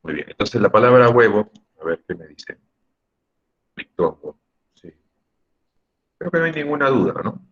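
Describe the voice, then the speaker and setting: A man's voice: fairly low pitch, very animated, normal speed, long pauses, husky, dull audio. A man teaching an online class, patiently explaining step by step and putting questions to the students. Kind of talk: online class on Spanish grammar. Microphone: computer mic on a video call.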